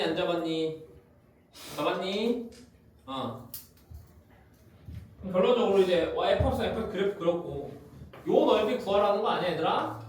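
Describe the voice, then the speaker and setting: A high-pitched man gives a classroom lecture on math, working through graphs on the board and repeatedly making sure his students understand. His delivery is quick and informal. He's captured from far away in a very echoey space with slight noise.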